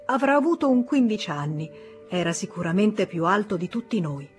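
A woman with an Italian accent reading a classic novel aloud in a measured, expressive audiobook narration. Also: lowish voice, slightly rough. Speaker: audiobook reader.

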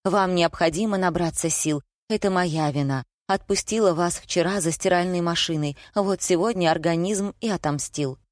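Fussy chatty older lady in an audiobook, read by a woman, kinda low voice, dry sound. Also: moderate pace, hardly any pauses, no echo, lightly acted. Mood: fussing. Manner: fussing, chattering.

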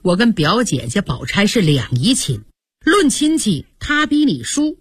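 A woman's voice: medium pitch, wildly swooping pitch, unhurried, slightly rough, no echo, clean studio sound, heavily acted. A woman voicing an anxious young nobleman who coaxes and pleads earnestly, in a radio storytelling. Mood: earnest pleading. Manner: coaxing, earnest.

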